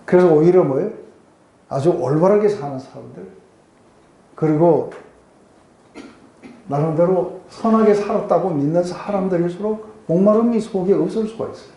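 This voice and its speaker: A male preacher's high-pitched voice comes through muffled and dark, with a roomy echo, as he teaches a Bible study group. Speaking at normal speed with long pauses, he explains the text conversationally, asks rhetorical questions and often checks in with listeners.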